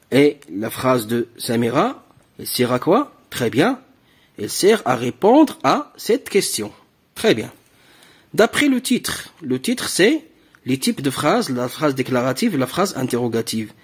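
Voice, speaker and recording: A man's voice: mid-range voice, slightly rough. A man teaching a French grammar lesson to primary pupils, patiently repeating key words and asking questions.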